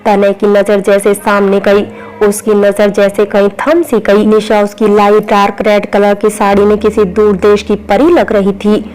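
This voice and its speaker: A woman narrates a romantic story from a script. Her pitch sits in the middle and barely moves, giving an even, steady reading. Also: a little slow, soft background music, low-quality recording.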